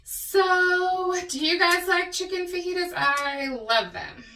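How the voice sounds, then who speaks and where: A high-pitched, bright-toned woman with a West Texas drawl, chatting slowly and drawing out her words as she talks to viewers. The recording sits in an echoey room, a little away from the mic. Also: recorded from a distance, a little hiss or hum. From Texas Panhandle. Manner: chatty, drawn-out words, says y'all. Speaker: mukbang vlogger. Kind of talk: casual eating vlog chat.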